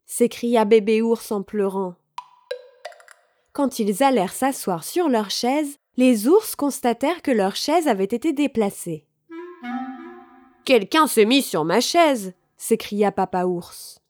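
A woman reading a children's story aloud, slowly and expressively, with clear articulation. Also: fairly high pitch, lively intonation, mellow, no echo, clean studio sound, soft background music.

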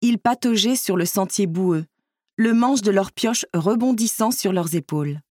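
A woman narrating a children's storybook with an expressive, lively delivery. Her voice sits in a middle pitch and sounds close and dry, with no room around it. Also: a little slow, no echo. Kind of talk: storybook reading.

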